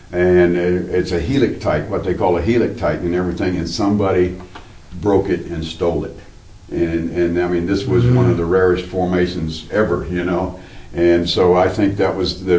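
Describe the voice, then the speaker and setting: Inside a cavern, a male cave tour guide chats informally with a small group, his voice low and somewhat dark in tone. The cave is echoey, and he is distant from the mic.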